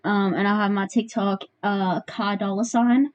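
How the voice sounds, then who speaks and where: A woman's voice: medium pitch, steady tone, unhurried, dry recording. A woman guesting on a casual podcast in a small room, playful and self-mocking.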